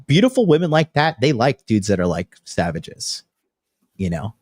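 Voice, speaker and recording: A man's voice: mid-range voice, very animated, normal speed, a little mellow. A man in his late thirties hosting a podcast, talking in a brash, crude, boastful way. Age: 30s. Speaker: podcast host. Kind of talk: casual podcast chat.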